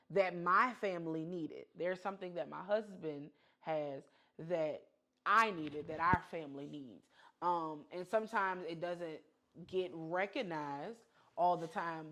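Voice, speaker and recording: A married woman co-hosting a relationship podcast, chatting casually and weaving in scripture. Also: on the low side. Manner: chatty and plain-spoken, laughs at herself. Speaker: podcast co-host.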